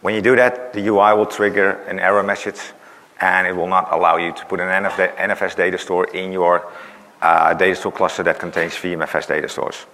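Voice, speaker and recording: Gravelly-voiced man presenting in a hall. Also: deep voice, flat delivery, brisk, bright, forceful tone. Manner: explanatory, frequent "uh" and "right?" tags. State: losing his voice. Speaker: conference presenter. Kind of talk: technical conference talk. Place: large conference hall. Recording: reverberant conference hall.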